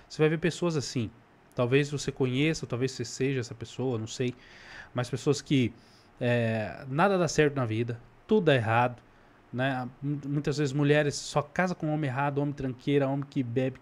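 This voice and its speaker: A man's voice: mid-range voice, a little mellow. A man hosting, breaking in with earnest, casual preaching aimed straight at his viewers. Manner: earnest, addresses viewers directly. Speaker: host and preacher.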